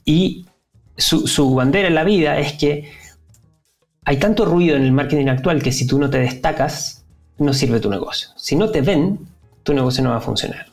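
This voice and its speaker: Mellow-voiced Chilean man, chatty guest. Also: fairly high pitch, moderate pace, faint music behind. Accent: Chilean Spanish. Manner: relaxed, chatty, frequent fillers and restarts. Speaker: podcast guest. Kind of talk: casual interview chat.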